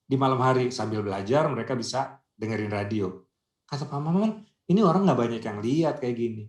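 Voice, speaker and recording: A man of middle pitch talks in a relaxed, chatty way, building his points with anecdotes and rhetorical questions. His voice comes through a video call with a noticeably roomy, echoey sound. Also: brisk. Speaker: radio industry guest speaker. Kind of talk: casual conversational discussion.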